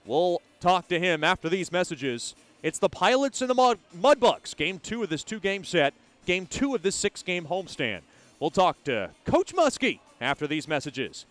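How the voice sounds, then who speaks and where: A man's voice: sits high, big pitch swings, moderate pace, fairly bright tone. A man hosting a hockey pregame broadcast in a formal sports announcer manner.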